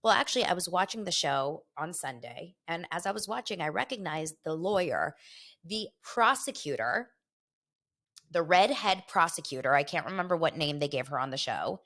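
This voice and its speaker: A middle-aged podcast host, a little congested from a head cold, runs a casual, gossipy chat full of quick asides. Her voice sits low, animated and a bit bright.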